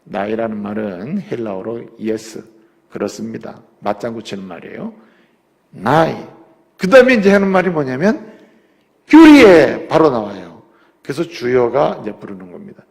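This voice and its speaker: A male pastor preaching a sermon, moving from quiet explanation to loud, rising exhortation in a church sanctuary. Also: mid-range voice, big pitch swings, moderate pace, long reverb tail. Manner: acts out biblical speech in quotes.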